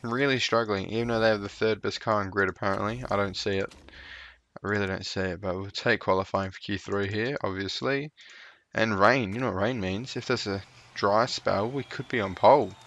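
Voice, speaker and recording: Male gaming commentator, casual let's-play chatter, lowish pitch, bright tense tone. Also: fairly even intonation, brisk. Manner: chatty, cheers on his drivers, jokey asides. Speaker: gaming YouTuber.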